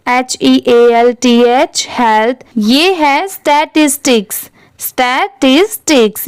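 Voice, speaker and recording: Lady teacher spelling words out one letter at a time, really slow, crisp clean voice, dry sound. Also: high voice, dry recording. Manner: spells words letter by letter, then repeats them. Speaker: English reading teacher. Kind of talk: slow spelling-out reading lesson.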